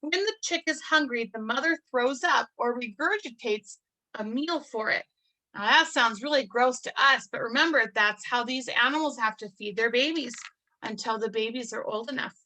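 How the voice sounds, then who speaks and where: A woman reading a picture book aloud to children, marveling in a gentle, teacherly way and adding chatty asides to explain things. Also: a little high, moderate pace, rough recording. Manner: adds chatty explanatory asides between passages.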